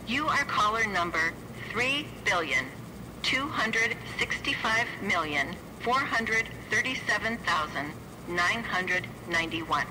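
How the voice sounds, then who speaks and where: An actor voicing a polite, flat automated phone operator in a comedy sketch. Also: medium pitch, takes it slowly, noisy background. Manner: flat, polite recorded announcements.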